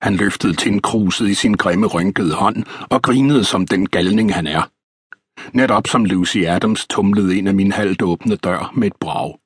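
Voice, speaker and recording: A man reading a historical novel as an audiobook narrator, in a measured, even storytelling manner. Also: low voice, breathy edge, dry recording, studio quality.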